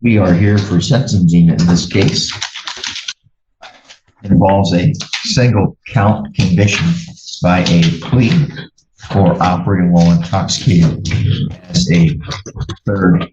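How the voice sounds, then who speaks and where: A man speaking as a judge in court, measured and procedural, pausing with fillers, heard on a courtroom recording. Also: low-pitched. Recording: roomy, dull courtroom recording with faint hiss.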